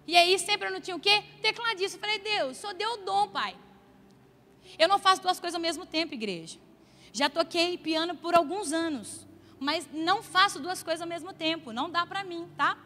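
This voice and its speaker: A woman's voice: extremely high pitch, fairly quick. A woman with a Brazilian Portuguese accent preaching a sermon in a church, telling stories conversationally with playful asides to the congregation. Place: church sanctuary. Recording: long church reverb, soft music behind.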